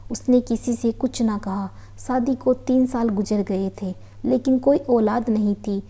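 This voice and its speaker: A woman storyteller reading a family story aloud in a steady, earnest way. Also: a little high, unhurried. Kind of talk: read-aloud story narration.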